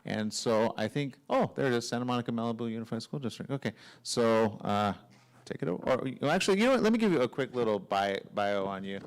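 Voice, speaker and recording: A man's voice: medium pitch, animated, fast talker, smooth. A man hosting a conference off the cuff, informal and rambling as he moves between speakers. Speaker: conference host introducing speakers. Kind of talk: unscripted casual hosting.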